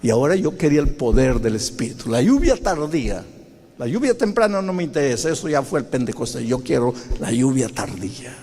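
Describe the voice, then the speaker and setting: A male pastor from Peru preaching a sermon, telling a story and acting out voices with sudden high outbursts. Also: very animated, fairly quick, a little mellow, breathy edge. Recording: long hall reverb.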